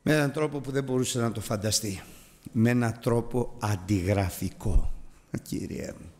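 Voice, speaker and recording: A man preaching a sermon, swinging from loud high exclamations to hushed prayerful murmurs.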